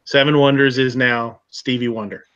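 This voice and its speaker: A man's voice: medium pitch, little pitch movement, normal speed, fairly bright tone, clear, resonant tone, dull audio. A man co-hosting a casual livestream chat, laughing easily and rambling as he reads out comments. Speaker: livestream co-host reading chat.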